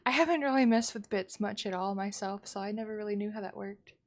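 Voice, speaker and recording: With background music behind her, the woman livestreamer talks at a quick pace in a medium-pitched voice. She chats casually with viewers, bubbly and exclamatory, and apologizes readily.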